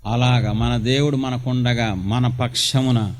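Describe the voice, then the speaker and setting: A man's voice: medium pitch, steady tone, slow. A pastor in his forties, from Andhra Pradesh, preaching emphatically with repeated refrains and call-and-response. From Andhra Pradesh, India. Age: 40s. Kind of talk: sermon.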